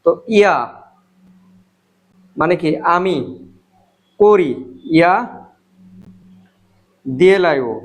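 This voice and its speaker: A man teaching a spoken language lesson, repeating each word slowly and spelling out sounds. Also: high-pitched, poor audio. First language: Bengali.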